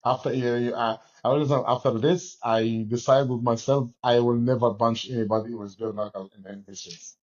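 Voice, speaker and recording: A man in his forties from Egypt, a fighter and coach, answering interview questions in halting English with many restarts, speaking from a gym locker room. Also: mid-range voice, steady tone, muffled recording. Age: 40s.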